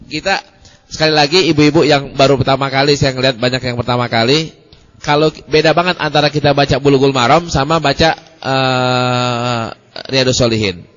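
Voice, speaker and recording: A man's voice: mid-range voice, moderate pace, pauses often, a bit bright. A man giving a colloquial religious study lecture, rambling with many hesitations. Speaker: religious teacher. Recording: muffled recording in a reverberant hall.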